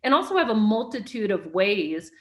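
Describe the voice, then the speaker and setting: A woman's voice: mid-range voice, very animated, normal speed. Articulate businesswoman with "right?" tags. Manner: articulate, often adds a checking "right?". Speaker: guest executive. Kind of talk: interview answers.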